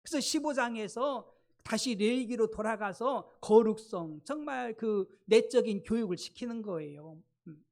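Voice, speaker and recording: A pastor preaches in a relaxed, talking style, leaning hard on key words and slipping into the voices of the people in the story. The voice has a rough, creaky texture and sits at a middle pitch. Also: normal speed. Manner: conversational, emphatic preaching that acts out quoted speech. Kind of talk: sermon. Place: church sanctuary.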